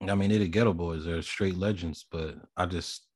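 Low-voiced man from Tennessee. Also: fairly even intonation, moderate pace, darkish tone, husky, dry recording, clean studio sound. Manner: laid-back, turns heated and profane when disagreeing. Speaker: podcast co-host. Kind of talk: casual debate about rap.

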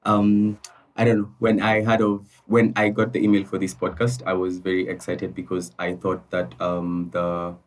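Male guest from Kenya, low and quite flat, polite measured conversation, distant mic. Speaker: podcast guest. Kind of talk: conversational interview answers.

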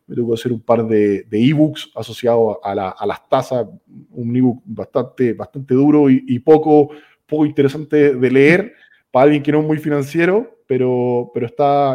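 Chilean guy, young founder on a podcast, mellow dark voice, keeps restarting his sentences. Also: medium pitch. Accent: Chilean Spanish. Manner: relaxed, halting, many restarts and fillers. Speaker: startup co-founder and guest. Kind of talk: casual conversational interview.

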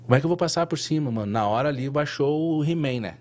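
A man, a tattoo artist guest, telling a story in an interview in an animated, slangy way, with lots of fillers and restarts. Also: on the high side, fast talker.

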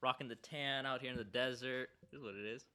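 Goofy young man from Hawaii, bright voice. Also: medium pitch, fairly even intonation, quick pace. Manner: goofy, playful. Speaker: podcast guest. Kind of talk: casual chat.

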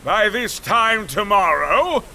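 An actor playing a gleeful, vengeful ice villain who gloats theatrically and cackles. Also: male voice, high-pitched, lively intonation, slow pace, vocal fry, pushed and bright, a little hiss or hum, full character voice, poor audio. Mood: gloating.

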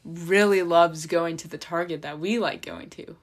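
A woman's voice: lowish voice, normal speed. A young woman co-hosting a casual comedic chat, rambling and giggly, cracking jokes as she goes. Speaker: co-host.

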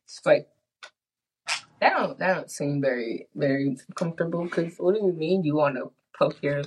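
A woman's voice: low-pitched, normal speed, slight background noise. A young woman co-hosting a podcast in casual chat, joking and slangy, often laughing. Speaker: podcast co-host.

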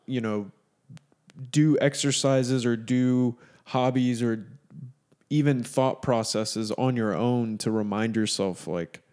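A man co-hosting a podcast, talking in a relaxed, reflective way and hedging with fillers. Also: mid-range voice, slow. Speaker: podcast co-host. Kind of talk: casual chat.

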